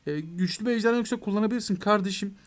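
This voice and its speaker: A young man giving excitable let's play commentary on a mobile game, talking to his viewers and to the game, with mock frustration when things go wrong. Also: high voice, racing. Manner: excitable, addresses viewers as "gençler". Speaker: gaming YouTuber.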